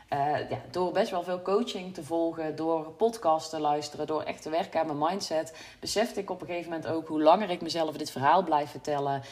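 Low-voiced woman with a Brabant accent. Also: darkish tone. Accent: Brabant Dutch. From Brabant, Netherlands. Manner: reflective, candid, many fillers. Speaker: podcast host, business coach. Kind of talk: casual solo podcast monologue.

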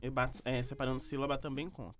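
A Brazilian woman co-hosting a podcast, playful and loud, often laughing. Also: a bass voice, flat delivery, quick pace. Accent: Brazilian Portuguese. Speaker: podcast co-host. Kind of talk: casual chat. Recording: podcast with clear background music.

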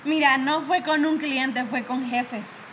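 A young woman, casually telling animated stories about bad bosses and peppering them with "¿verdad?". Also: high-pitched, slow, a little hiss or hum. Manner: animated storytelling, acts out her bosses' scolding; frequent fillers like "¿verdad?" and "va". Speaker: guest telling work stories. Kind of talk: casual chat.

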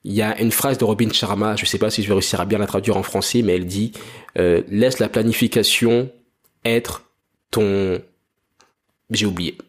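A man's voice: lowish voice, fairly even intonation, moderate pace. A young French man hosting a podcast, speaking earnestly and directly to the listener in a reflective, motivational monologue. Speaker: podcast host.

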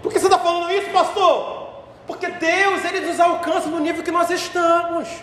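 A pastor with a very high voice preaches in a big church hall. He is animated and mocking, shouting one moment and dropping to soft asides the next. His voice echoes heavily and sounds far from the mic, with a long reverb tail. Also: moderate pace, a little hiss or hum. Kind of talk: sermon.

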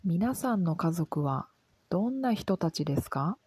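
A soft-spoken woman reading a simple lesson for language learners in a calm, gentle, careful way. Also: lowish voice, measured pace, husky, no room sound, poor audio. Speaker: Japanese language teacher.

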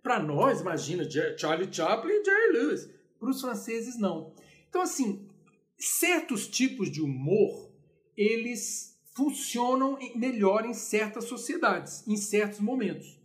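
A man from Brazil giving an informal music lesson, retelling the story in a lively way and acting out the quotes. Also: sits high, measured pace. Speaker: music lecturer.

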